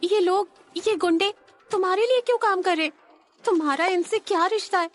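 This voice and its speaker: A man's voice: very high voice, a little fast, a bit bright, pitched above the performer's own voice. A man voicing an anxious young woman who fires off questions in a pleading tone.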